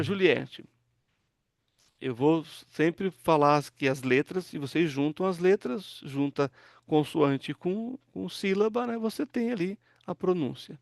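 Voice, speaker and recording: A pastor teaching an online Hebrew class, patiently walking students through word forms and asking them to read aloud. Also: male voice, high voice, vocal fry, no echo, clean studio sound. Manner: patient, explains step by step, asks students to read.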